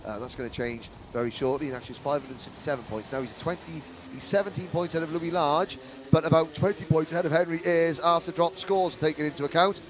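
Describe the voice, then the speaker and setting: A man's voice: a little high, fairly even intonation, quick pace. A man commentating live on motorsport, with chatty, jokey, rambling asides. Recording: outdoor trackside with clear engine noise.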